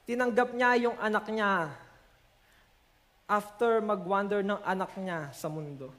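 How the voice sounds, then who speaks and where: Delivering a sermon to his congregation, this Filipino-accented man has a voice that sits high and sounds slightly bright. He shifts between Tagalog and English and slows his delivery when stressing verses.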